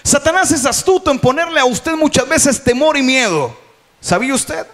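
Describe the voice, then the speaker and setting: A man preaching a sermon as pastor in a church, with a Salvadoran Spanish accent, calling out to the congregation and rising to loud exhortation. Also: very high-pitched. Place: church hall.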